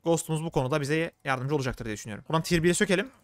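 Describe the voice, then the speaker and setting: A man's voice: a little high, rapid-fire, dry recording. A male gaming streamer giving chatty live gameplay commentary, thinking aloud and flaring up in frustration.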